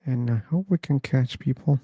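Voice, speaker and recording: A man's voice: medium pitch, warm tone, slightly rough, no echo. A man hosting an online discussion livestream, chatting casually and thinking aloud as he waits for callers. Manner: slow, musing, thinking aloud.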